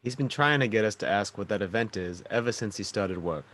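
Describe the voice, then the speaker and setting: A man's voice: on the low side, animated, brisk, fairly bright tone. A man voicing a sardonic teenage boy wizard who mutters dryly. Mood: wry. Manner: muttering, dry.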